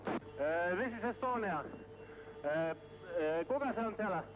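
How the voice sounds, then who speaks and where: A man's voice: sits high, expressive, unhurried. A man from a ship's crew calling urgently for help over a marine radio transmission, strained and hesitant. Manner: hesitant, filled with uh. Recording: noisy distant radio recording.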